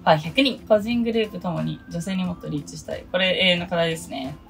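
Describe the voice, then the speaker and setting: A young woman in her twenties from Okinawa, chatting casually through a list of goals in a solo vlog, with a low voice and self-deprecating asides. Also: fast talker, vocal fry, faint music behind. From Okinawa, Japan. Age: 20s. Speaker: idol producer and vlogger.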